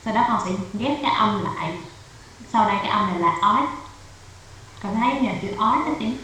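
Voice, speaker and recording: A woman tutor with a Vietnamese accent teaches a child English on a video call, repeating words and explaining each point patiently. Her voice sits mid-pitch. The call sounds very echoey, with faint hiss behind. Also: lively intonation, moderate pace, bright, forceful tone. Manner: patient, repeats and explains step by step, code-switches with English drills. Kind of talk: online English lesson for a child. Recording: echoey room, faint noise.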